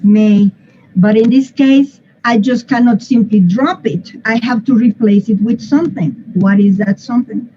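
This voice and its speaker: Woman, English teacher, slow and playful, dull lo-fi sound. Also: on the high side, mellow, slight background noise. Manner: patient, playful, asks the class questions and models sounds. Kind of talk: classroom explanation.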